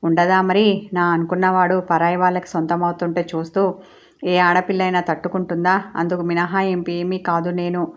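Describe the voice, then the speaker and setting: A woman's voice: on the low side, monotone, a little fast, close to an everyday voice. A woman voicing a sulky, jealous young woman in a romance story read aloud. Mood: pouting. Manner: pouting, indignant.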